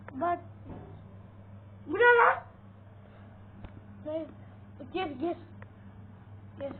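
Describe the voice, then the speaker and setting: A woman giving casual gameplay commentary in a jumpy way, yelping at sudden sounds. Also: sits high. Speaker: gaming channel host. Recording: tinny phone-like sound, faint noise.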